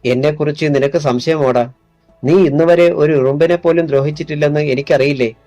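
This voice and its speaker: A man voicing a weary middle-aged father on the run, talking low and tired, gentle with his son. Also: fairly even intonation, fairly quick, dry recording, faint music behind, natural voice. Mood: consoling.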